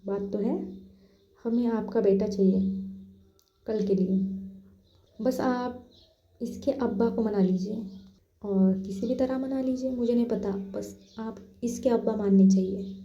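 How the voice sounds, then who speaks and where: A woman's voice: medium pitch, mellow, reverberant, highs cut off, close to an everyday voice. A woman voicing a brash, bossy teenage boy who talks bluntly and in a hurry. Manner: blunt, hurried.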